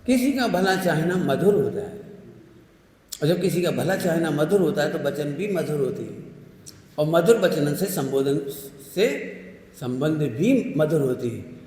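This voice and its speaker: High-voiced preacher in an echoey hall. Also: male voice, animated, unhurried, a little mellow. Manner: folksy, with rhetorical questions to the audience. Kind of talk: sermon. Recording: echoey hall with long reverb.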